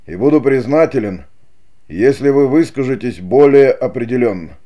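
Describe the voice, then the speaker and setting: A man's voice: mid-range voice, lively intonation, normal speed, dark tone, pitched above the performer's own voice, natural voice. A man voicing an older, grief-stricken nobleman father in an audiobook, outraged and pleading. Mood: guarded. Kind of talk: audiobook character reading.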